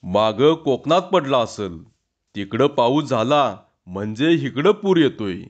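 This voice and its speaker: A man voicing a bold, reassuring village husband with slow, gruff rustic speech in a dull lo-fi recording. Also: medium pitch, sing-song. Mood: calm reassuring. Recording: dull lo-fi sound.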